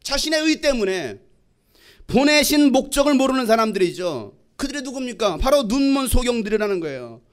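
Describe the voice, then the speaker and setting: A man preaching a sermon as pastor, questioning the congregation and acting out quoted exchanges in a lively way. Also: very high voice, brisk.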